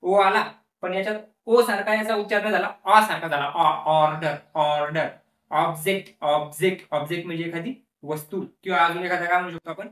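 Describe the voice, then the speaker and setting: A man's voice: high voice, fairly quick, fairly bright tone. A male teacher explaining a lesson, repeating each word several times and asking the class questions that he then answers himself. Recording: echoey room, voice from a distance.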